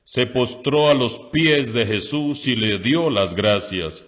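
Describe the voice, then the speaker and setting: A Costa Rican priest reading scripture aloud in a slow, measured way, then preaching a homily. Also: male voice, medium pitch, a bit bright. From Costa Rica. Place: parish church. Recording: dull lo-fi audio with long church reverb.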